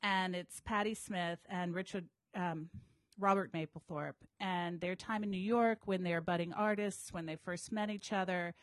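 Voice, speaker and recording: A woman's voice: fairly low pitch, fairly even intonation, normal speed, no room sound, clean studio sound. A woman co-hosting a bookshop podcast in casual, conversational talk. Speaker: co-host, bookseller.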